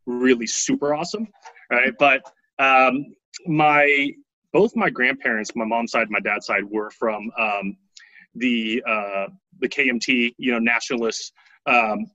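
A man's voice: medium pitch, no room sound, highs cut off. Guy in his 30s from taiwan, laid back storyteller, keeps saying right, dry dead sound. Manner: relaxed, often tags lines with "right?". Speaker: interview guest. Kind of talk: casual storytelling.

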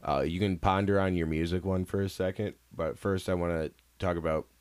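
A man's voice: sits low, steady tone, a little fast, clean tone, dry recording. A man hosting a casual interview, asking laid-back questions and chatting along with his guest.

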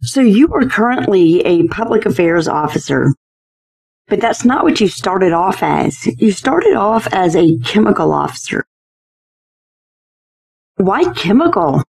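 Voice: medium pitch, very animated, moderate pace, gravelly, darkish tone, breathy edge, no echo, poor audio. An interviewer asking direct, brief questions.

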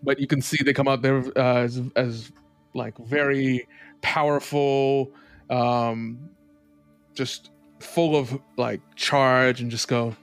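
A man narrating a tabletop game as game master, describing scenes at an unhurried pace with fillers. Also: medium pitch, little pitch movement, soft background music.

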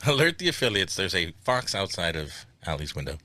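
A man's voice: deep voice, big pitch swings, brisk, bright, forceful tone, dry recording. A man hosting a podcast, introducing clips and calls with dry, wry remarks. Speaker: podcast host and producer. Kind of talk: casual chat.

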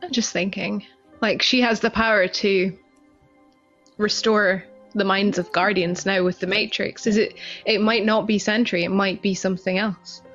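A woman's voice: medium pitch, fairly even intonation, moderate pace, fairly bright tone, faint music behind. A woman speculating casually as a player in a tabletop role-playing game, on lo-fi audio.

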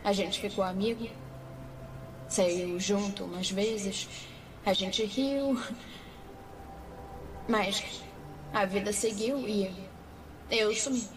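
A woman's voice: medium pitch, steady tone, slow pace, pauses often, noisy background, lightly acted. A woman dubbing a frantic, sarcastic young woman in film scenes, pleading and exasperated. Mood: reflective. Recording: film clip with music behind.

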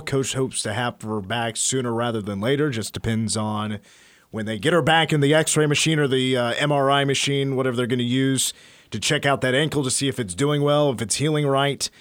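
A man's voice: medium pitch, dry recording, studio quality. An American man hosting sports radio, switching between casual talk and punchy promo reads. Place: radio studio. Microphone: close studio mic.

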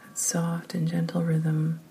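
A woman leading a guided meditation in a soft, often whispered, slow and soothing voice. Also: lowish voice, monotone, creaky, slight background noise.

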